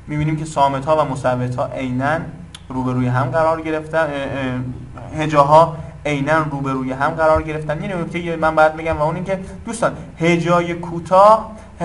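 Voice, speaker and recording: A man's voice: a little high, slight background noise, poor audio. A man giving an informal lesson on poetic meter, explaining patiently and chanting the metrical feet in rhythm. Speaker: teacher of Persian poetic meter.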